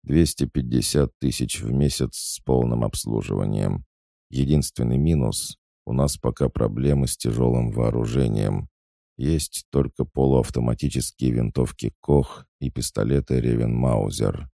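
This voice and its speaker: A man voicing a calm mercenary boss in an audiobook, matter-of-fact. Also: very deep voice, normal speed, vocal fry, no room sound, clean studio sound. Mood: businesslike.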